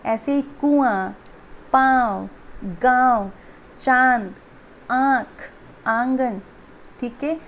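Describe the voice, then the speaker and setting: A woman's voice: high voice, very slow, long pauses. A woman teacher giving a patient lesson to children, repeating examples and checking that they understand. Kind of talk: classroom Hindi lesson.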